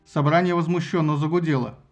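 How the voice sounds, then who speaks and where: A man reading an audiobook with lively, ironic storytelling. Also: a little high, quick pace, faint music behind. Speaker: narrator. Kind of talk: audiobook narration.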